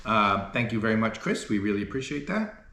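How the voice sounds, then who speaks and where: A man's voice: on the low side, sing-song, brisk, pushed and bright, slight background noise. A man hosting a casual vlog in a chatty, rambling way, in an empty apartment that echoes like a stairwell. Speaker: vlog host. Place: almost empty apartment, indoors. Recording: echoey bare room, like an echoing stairwell.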